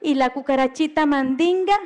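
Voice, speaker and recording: High-voiced Costa Rican woman telling a tale. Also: normal speed, a little mellow. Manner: asks the listeners questions and invites them to join in. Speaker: storyteller. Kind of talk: oral storytelling for children. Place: radio program.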